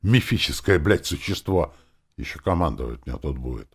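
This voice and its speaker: A man voicing a blunt, irritable young male dark mage who swears. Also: sits low, sing-song, normal speed, pitched above the performer's own voice, full character voice. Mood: irritated. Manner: gruff, swearing.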